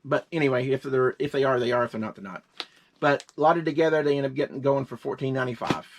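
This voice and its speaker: Fifties guy rambling on about resale stuff, talks fast, cracks jokes. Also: mid-range voice, noisy background. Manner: rambling, joking, quick-talking. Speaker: reseller co-host. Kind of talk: casual chat.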